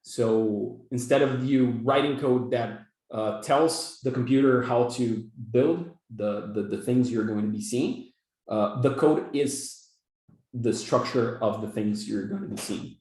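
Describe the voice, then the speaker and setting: A young Brazilian man with a Brazilian Portuguese accent teaches a live coding workshop over a video call, stumbling through fillers and repeated words. His medium-pitched voice has a darkish tone, picked up by a webcam mic in an echoey room.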